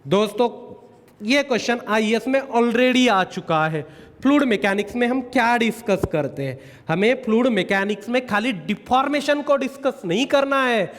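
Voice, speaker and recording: A man giving an exam coaching lecture, repeating key points, asking the class rhetorical questions and slowing down to dictate definitions. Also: sits high, in a large hall. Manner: slows to dictate English definitions.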